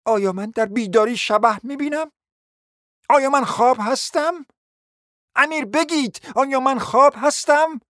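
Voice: sits high, a bit bright, no echo, studio quality. A performer voicing an agitated, scheming middle-aged mother in a radio play, full of exclamations and pressing questions. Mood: indignant.

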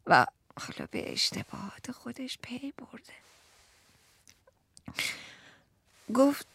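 A woman playing a fed-up, sharp-tongued housewife in a theatrical monologue, swinging from loud outbursts to whispers. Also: a little high, gravelly, husky, no room sound, exaggerated voice. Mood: hushed, tearful.

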